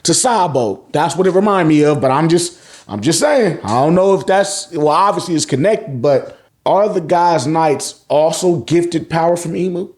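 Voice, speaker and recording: A slightly high, animated American voice with a darkish tone hosts this manga review at a moderate pace. The chapter recap is loose and slangy, and he swears freely and repeats phrases to stress his points.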